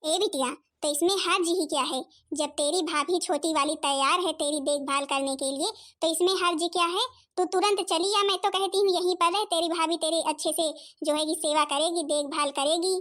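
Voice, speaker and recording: A woman's voice: very high-pitched, fairly even intonation, moderate pace, few pauses, a bit bright. Nagging cartoon mother-in-law. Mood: pleased. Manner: nagging, scolding. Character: scolding, stingy older mother-in-law who favours grandson. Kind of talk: cartoon comedy voice acting.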